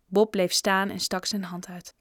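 A woman narrating a children's storybook in an even, measured reading, recorded on a close studio mic. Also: medium pitch, no echo. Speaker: audiobook narrator.

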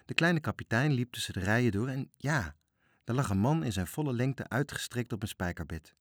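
A man reading a children's story aloud, with lively, expressive narration. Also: medium pitch, moderate pace, dry recording, clean studio sound.

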